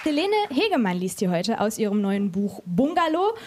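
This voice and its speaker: A woman's voice: mid-range voice, very animated, moderate pace, a loud crowd, heavy background noise. A woman hosting a live book talk, chatty and playful, with a lot of filler words as she talks. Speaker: podcast host. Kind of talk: live casual interview with an audience.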